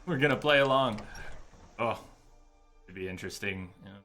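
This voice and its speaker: A man streams a video game over game music, thinking aloud in casual commentary as he plays. His voice is lowish, bright and forceful, at a moderate pace.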